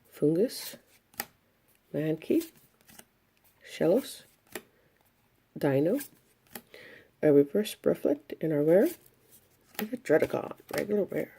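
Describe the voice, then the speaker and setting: A woman talks slowly through a trading card pack opening, naming each card in turn. Her voice is low and gravelly, with a warm, dark tone. A faint hiss sits under the recording. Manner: unhurried, listing cards one by one. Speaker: card collector opening packs. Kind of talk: casual pack-opening commentary.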